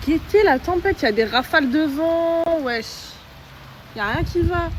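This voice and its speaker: A woman with a high voice chats casually and cosily with her followers. She talks from home, and a faint hiss sits behind her voice. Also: lively intonation, normal speed. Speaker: vlogger. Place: at home indoors.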